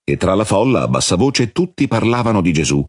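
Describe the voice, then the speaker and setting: Deep husky male narrator. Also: sing-song, brisk, no echo, clean studio sound. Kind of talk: scripted Bible reading.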